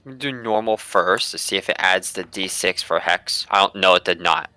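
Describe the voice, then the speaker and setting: A man's voice: sits low, a little fast, sharp tone, smooth, faint music behind. A man talking casually through his moves as a player in a tabletop game.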